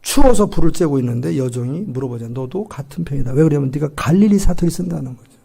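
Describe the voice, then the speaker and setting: A middle-aged male pastor preaching a lively sermon in a church sanctuary. His slightly high, gravelly voice swings widely in pitch. He keeps firing rhetorical questions at the congregation and acts out the lines he quotes. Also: fast talker.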